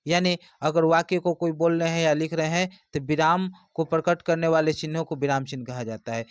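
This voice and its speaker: A man's voice: fairly high pitch, steady tone, brisk, clean tone, dry recording. Man teaching grammar, dry sound. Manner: explanatory, repeats points with "yani" and "dekhiye". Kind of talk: exam-prep lesson explaining Hindi grammar.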